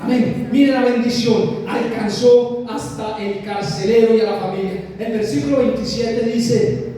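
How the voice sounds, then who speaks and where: A man's voice: extremely high pitch, steady tone, measured pace, warm tone, slight background noise. A Colombian man preaching a sermon, emphatic and repetitive, often calling out directly to the congregation. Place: large church hall. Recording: echoey church hall from a distance.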